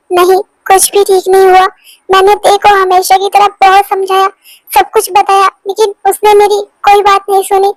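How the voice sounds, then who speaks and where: A woman's voice: extremely high pitch, no echo, rough recording. A woman voicing a heartbroken young man who pleads with his girlfriend and stammers over his words, in a fan-dubbed romance. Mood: despairing. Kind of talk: Hindi fan dub of a romance story.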